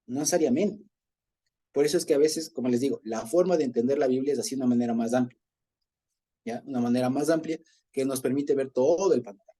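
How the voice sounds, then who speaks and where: A man with an Ecuadorian accent leads a relaxed Bible study, talking through his points in an easy, conversational way and often breaking into chuckles. His voice is mellow and slightly husky, in a middle pitch. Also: quick pace. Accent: Ecuadorian Spanish. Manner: conversational, chuckles often, frequent "¿ya?" check-ins. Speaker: Bible teacher. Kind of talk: informal Bible study teaching.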